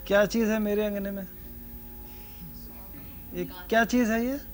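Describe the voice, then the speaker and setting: A man's voice: high-pitched, fairly even intonation, unhurried, faint music behind. A man from North India giving a sarod lecture-demonstration, questioning his students and singing out sargam syllables. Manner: asks the audience questions, sings sargam syllables. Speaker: sarod teacher.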